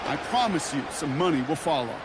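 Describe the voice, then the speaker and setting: An assured male football color commentator, played by a man breaks down the action in an American accent. His voice is fairly high, and heavy stadium noise runs behind his analysis. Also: lively intonation, brisk, natural voice.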